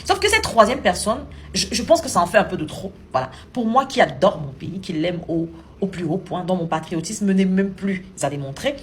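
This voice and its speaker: A woman's voice: on the low side, sing-song, normal speed, slight background noise. A woman from Cameroon, giving indignant, sarcastic opinion commentary to camera as a vlogger.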